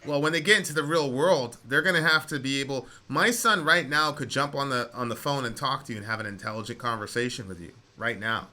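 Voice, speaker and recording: A male talk show host with a very bright, forceful voice at a medium pitch. He speaks conversationally but emphatically to a caller, restating phrases to stress his opinions. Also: quick pace, hardly any pauses.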